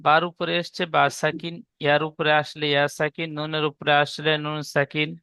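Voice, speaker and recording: Bright clear male Quran reading teacher. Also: fairly high pitch, flat delivery, a little fast, dry recording, clean studio sound. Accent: Bengali. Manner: explains step by step, has students repeat the rules aloud. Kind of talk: slow recitation lesson with repetition.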